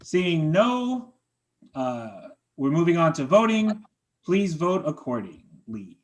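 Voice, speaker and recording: A man with a slightly raised voice chairs a members' meeting over a video call. He moves through motions and votes briskly and politely, thanking each speaker. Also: on the high side, big pitch swings.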